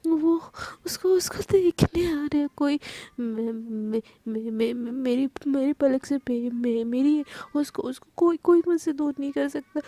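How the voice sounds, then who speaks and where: A woman's voice: sits high, unhurried, dark tone, dry recording. Sana, a stammering heartbroken young woman, as a woman storyteller puts her on. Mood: desperate. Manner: stammering, repeating words in distress.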